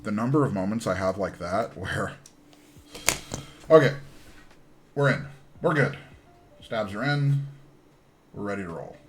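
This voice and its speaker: A man's voice: lowish voice, expressive, a little slow, long pauses, faint music behind. A man in his thirties chatting casually while streaming a keyboard build, telling rambling stories that trail off and restart. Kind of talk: casual live-stream chat.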